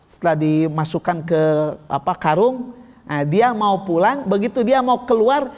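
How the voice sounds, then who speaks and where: A man's voice: sits high, measured pace. A man preaching a religious lecture, telling stories and asking the audience questions. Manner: lively, asks the audience questions. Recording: long hall reverb.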